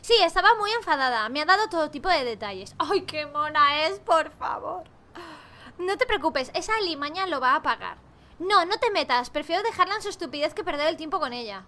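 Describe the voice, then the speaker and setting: A young woman with a Spain Spanish accent gives a let's play commentary on a romance game. Her voice is very high and bright, and she swears playfully and jokes as she goes. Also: a little fast. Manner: animated and jokey, swears playfully, laughs often. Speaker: gaming YouTuber.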